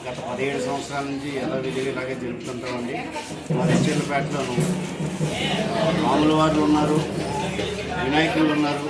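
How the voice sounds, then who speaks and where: A man from a temple committee talks politely to a reporter in a steady, flat, fairly high voice. A loud crowd roars behind him, and the sound is echoey. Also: brisk, long pauses. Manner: plain, polite talk with repeated respectful endings and restarts. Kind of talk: interview remarks to a reporter.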